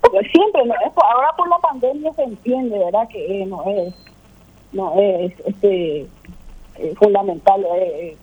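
A woman's voice: mid-range voice, measured pace, breathy edge. An older woman, a gastronomy researcher and teacher, rambling and repeating herself in a casual phone interview. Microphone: telephone. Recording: tinny phone line.

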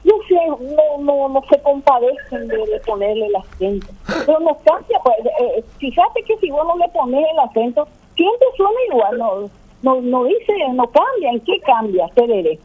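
A woman's voice: sits high, animated, normal speed. An older woman, a gastronomy researcher and teacher, rambling and repeating herself in a casual phone interview. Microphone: telephone. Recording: tinny phone line.

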